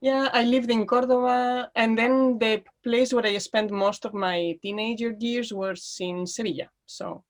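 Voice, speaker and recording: A woman from Spain, a guest on a video-call chat, relaxed and quick to laugh, with a slight cough. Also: fairly high pitch. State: slight cough, clearing throat. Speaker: guest, knitwear designer.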